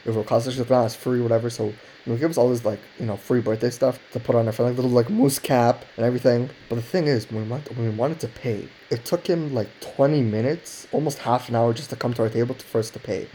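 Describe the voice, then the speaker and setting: A man's voice: medium pitch, fairly even intonation, fast, hardly any pauses, mellow, slight background noise, low-quality recording. A young adult man chatting casually, rambling through a story with frequent "like" and "you know". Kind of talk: casual chat.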